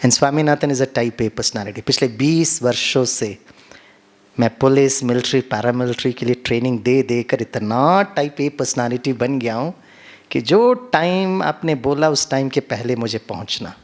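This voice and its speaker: A middle-aged man giving an animated seminar talk to doctors in a conference hall, mixing Hindi and English and acting out quotes. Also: mid-range voice, unhurried. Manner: audience call-and-response. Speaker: motivational trainer.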